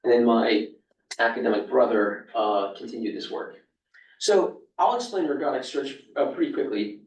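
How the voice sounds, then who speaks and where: A lecturer from New York, with a New York accent and a slightly mellow, medium-pitched voice at normal speed, gives a casual academic seminar talk in a seminar room. His delivery is loose and conversational, full of fillers and restarts, and the room is echoey with him far from the mic.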